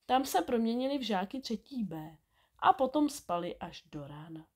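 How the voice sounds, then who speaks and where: A woman reading a bedtime story aloud, expressive and animated. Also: fairly high pitch.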